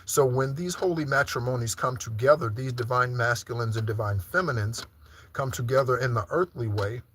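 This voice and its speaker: Here a man preaches informally over a livestream for Sunday service, his mid-range voice a bit bright with a breathy edge, moving at a moderate pace. Rhetorical questions recur throughout his teaching, along with frequent check-ins.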